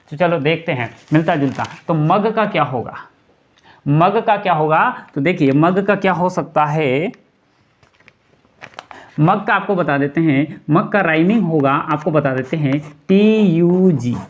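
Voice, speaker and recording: A man teaching an English grammar lesson, repeating key words and spelling out letters slowly. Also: on the high side. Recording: dull lo-fi recording.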